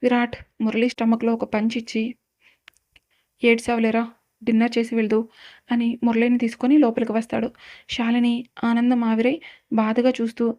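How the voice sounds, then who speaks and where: Calm, mellow woman storyteller. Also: fairly high pitch, normal speed, pauses often. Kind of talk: scripted story narration with voiced dialogue.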